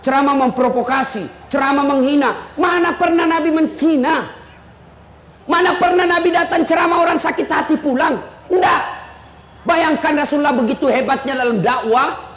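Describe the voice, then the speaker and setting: A male preacher giving a joking, emphatic sermon to an audience in a large hall, sometimes shouting. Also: extremely high pitch, moderate pace. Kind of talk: humorous sermon. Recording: echoey hall, faint noise.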